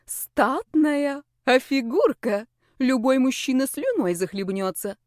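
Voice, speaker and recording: A woman's voice: sits high, lively intonation, takes it slowly, darkish tone, no room sound, clean studio sound, pitched above the performer's own voice. A woman voicing a sly, scheming older werewolf matriarch who sighs dramatically and longs for grandchildren. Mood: lamenting, sly.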